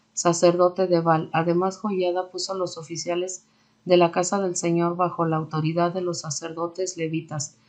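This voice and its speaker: A woman reading scripture aloud in a steady, measured way. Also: fairly low pitch. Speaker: Bible reader.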